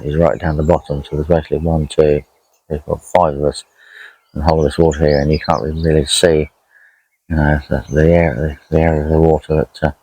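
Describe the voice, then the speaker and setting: A man with a very deep, husky, darkish voice chats unhurriedly while narrating a fishing vlog outdoors by a lake, rambling as he goes. The recording is rough, with no room sound.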